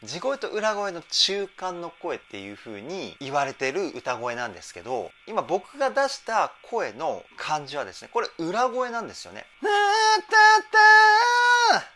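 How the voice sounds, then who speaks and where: A young man coaching voices, talking with huge swings in pitch and a bright, forceful tone. He gushes over what he hears and keeps slipping into quick sung demos. A faint hiss sits under his voice. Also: wildly swooping pitch. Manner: enthusiastic, breaks into sung demos and falsetto examples. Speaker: vocal trainer. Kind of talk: reaction and vocal analysis commentary.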